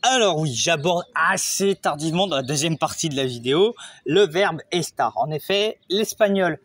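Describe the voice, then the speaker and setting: Male teacher, somewhat high and husky, informal joking delivery. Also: lively intonation, moderate pace, a bit bright. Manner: informal and joking, with frequent "voilà" and "hein". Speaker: language teacher. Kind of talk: casual explanatory lesson.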